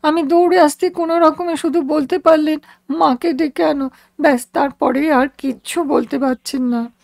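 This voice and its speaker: A woman's voice: high voice, steady tone, moderate pace, creaky, darkish tone, dry recording. Woman doing a distressed grown son. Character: grown son telling of his father's collapse.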